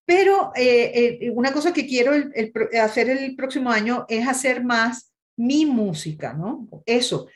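A woman speaks as a guest on an interview, her voice sitting a little higher than most. She is chatty and easygoing, and she spells out details slowly. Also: lively intonation. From Ecuador. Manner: chatty, adds "¿no?" often and spells things out slowly. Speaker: guest musician and music teacher. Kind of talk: casual interview chat.

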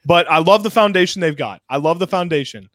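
Higher-voiced man, enthusiastic sports guest. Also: expressive, a little fast, a bit bright, no room sound. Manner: enthusiastic, informal. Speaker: podcast guest. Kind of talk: casual sports talk. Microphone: close mic on remote video call.

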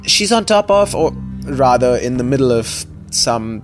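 A man's voice: medium pitch, big pitch swings, unhurried, over music. A young man narrating in first person as the lead of an audio drama, chatty with wry, self-deprecating asides. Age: young adult.

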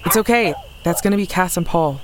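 Actor voicing blunt practical scout, clipped delivery, mid pitch, audio drama. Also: a little fast, background noise, lightly acted. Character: tough, practical scout leading the way.

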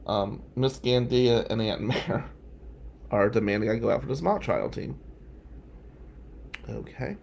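A man's voice: medium pitch, unhurried, creaky, long pauses, darkish tone, a little hiss or hum. A middle-aged man from New Jersey hosting a live stream, telling a rambling story with many tangents. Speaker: host.

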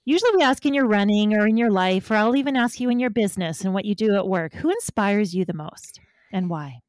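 A woman co-hosting a podcast, asking her guest a set closing question in a measured way. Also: mid-range voice, a little mellow, no room sound. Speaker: podcast co-host. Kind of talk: casual podcast interview.

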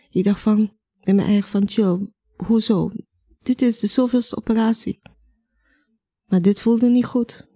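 A woman's voice: mid-range voice, warm tone, dry recording, studio quality. A woman from Belgium telling a personal story in a reflective way, acting out her own words and the words of others.

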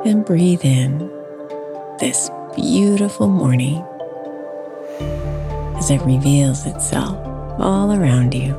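Slow soothing woman guiding meditation. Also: low voice, lively intonation. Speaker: meditation guide and ad reader. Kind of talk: guided meditation. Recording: soft new-age music behind.

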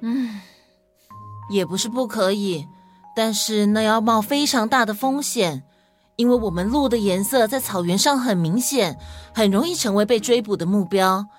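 A woman storyteller voicing a gentle, caring mother deer who patiently teaches her fawn. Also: medium pitch, normal speed, faint music behind, natural voice. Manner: patient, instructing.

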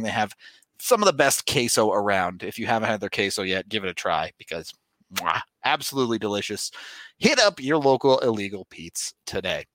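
A man's voice: mid-range voice, a bit bright, no echo. An American man hosting a sports podcast, chatting informally and reading out sponsor spots in a casual way. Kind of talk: casual sports talk and ad reads.

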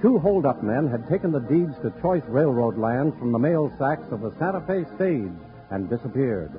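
An actor as a dramatic narrator reading an old radio western introduction. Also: male voice, medium pitch, sing-song, normal speed, natural voice. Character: dramatic western serial announcer. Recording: tinny old radio recording over music.

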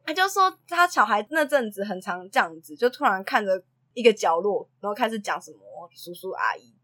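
A woman, a preschool teacher telling anecdotes in a casual chat and acting out the quotes. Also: medium pitch. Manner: animated storyteller who acts out quotes and laughs often. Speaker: preschool teacher and podcast co-host.

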